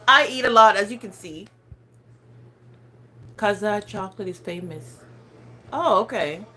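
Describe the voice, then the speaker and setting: Reading viewer comments in a casual phone livestream, a lifestyle channel host in her thirties with a non-native English accent rambles, laughs, and trips over her words. Her medium-pitched voice has lively intonation and a pushed, bright quality, she speaks a little slowly, and the recording is low quality.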